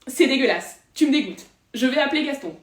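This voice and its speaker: A woman playing a blunt, sarcastic female investigator who fires off loud, rapid questions. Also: high-pitched, lively intonation. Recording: echoey room.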